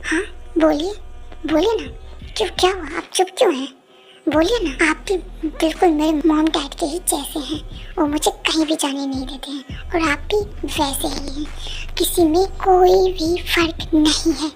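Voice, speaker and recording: A sulky, accusing young woman , as a woman acts her out in a fan audio drama. Her voice is very high and gravelly, with music running behind it. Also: normal speed. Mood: angry. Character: angry, jealous young woman who feels abandoned.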